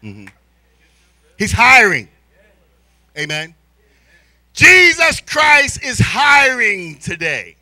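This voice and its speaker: This sermon comes from a middle-aged American church elder, Spanish-born to an American military family, whose voice is extremely high in pitch. In a large church hall indoors, he tells stories and calls out to his congregation for responses, holding a microphone in his hand. His manner is theatrical and animated, with drawn-out emphasis that shifts between quiet asides and shouting, and there is no echo.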